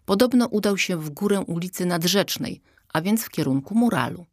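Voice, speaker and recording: A woman reading a children's audiobook in a calm, even storytelling voice. Her voice sits fairly low, and the recording is close and dry, with no room sound. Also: brisk, dry recording. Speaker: audiobook reader. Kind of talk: scripted children's story narration.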